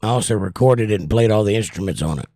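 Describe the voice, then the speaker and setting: Here a man's lowish, dark voice, worn from years of trouble, moves at a quick pace. He's an older livestream host casually reading viewer comments and responding to them, recorded dry in a clean studio.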